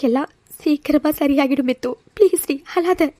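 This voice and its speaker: A caring young cartoon woman who soothes her friend in a high, gentle voice, acted by a woman. She stays firm when she insists. The recording is dry and close. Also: moderate pace, no room sound, lightly acted. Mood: soothing. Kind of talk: cartoon voice acting.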